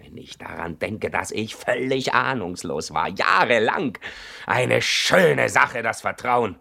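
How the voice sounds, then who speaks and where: A man's voice: medium pitch, animated, takes it slowly, creaky, sharp tone, exaggerated voice. An actor in a radio play voicing a wounded, sarcastic husband who has been betrayed by his best friend. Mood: bitter.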